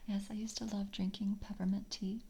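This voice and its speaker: A woman voices a poised, polite vampire coven member in soft-spoken ASMR, whispering often in a breathy, husky tone with vocal fry. Her medium pitch holds a level tone, and she interviews gently and deliberately, calm and businesslike.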